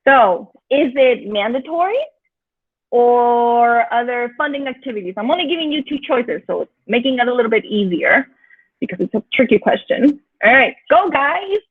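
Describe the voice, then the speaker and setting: Speaking at normal speed in a fairly high, expressive voice with a breathy edge, a woman from Mexico with a Mexican accent leads an online workshop for teachers. She is chatty and encouraging, full of filler sounds, and the video-call audio is tinny and dry.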